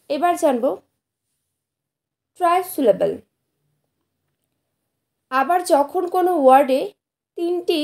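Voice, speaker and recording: A woman teacher speaks in a high voice with a soft, mellow tone. She explains each point patiently to her students, repeating and slowly sounding out example words. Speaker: English teacher. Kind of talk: slow explanatory lesson to students.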